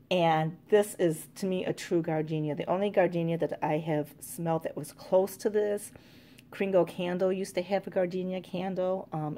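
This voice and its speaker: A woman with a somewhat low, mellow voice chats through a casual show-and-tell vlog. She rambles, piles on fillers, and now and then reads product blurbs aloud in a smoother tone. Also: a little hiss or hum. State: out of breath. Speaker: candle collector vlogger.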